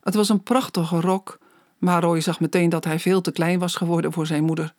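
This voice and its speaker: An audiobook narrator reading a children's story aloud in a slow, measured way. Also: medium pitch, flat delivery, darkish tone, dry recording, studio quality.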